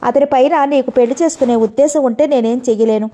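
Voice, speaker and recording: A worried mother pleads with and warns her daughter in a storybook reading, as a woman narrator puts her on. The voice is mellow and on the high side. It is a warning, pleading voice. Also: quick pace, close to an everyday voice. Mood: anxious, stern. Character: worried middle-aged mother, stern but tearful.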